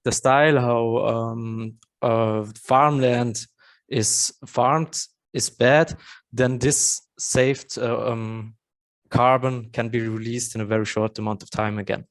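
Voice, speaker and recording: A man's voice: medium pitch, fairly even intonation, slow. A man in his thirties from Austria, an English speaker, giving a conference presentation earnestly with frequent fillers and restarts. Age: 30s.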